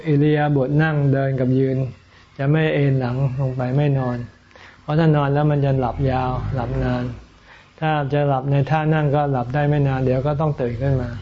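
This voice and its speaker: Flat-voiced monk answering questions. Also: male voice, medium pitch, a little fast. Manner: steady, plain, instructive. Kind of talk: calm dharma Q&A. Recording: dull recording, faint room noise.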